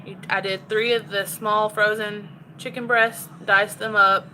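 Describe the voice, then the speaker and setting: Woman, candid cooking vlog chatter, bright voice, faint kitchen noise. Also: mid-range voice, little pitch movement, a little slow, low-quality recording. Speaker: cooking vlogger. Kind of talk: casual chat while cooking. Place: home kitchen.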